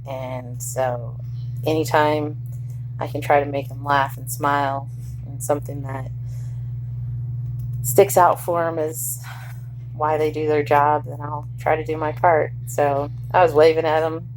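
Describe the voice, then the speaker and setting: A low-voiced woman records a casual video diary while recovering from surgery. She rambles candidly with light humor in a deep register. There is a faint hum behind her voice. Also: flat delivery, unhurried, poor audio. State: recovering hours after surgery. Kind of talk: casual chat to camera. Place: hospital room, in bed.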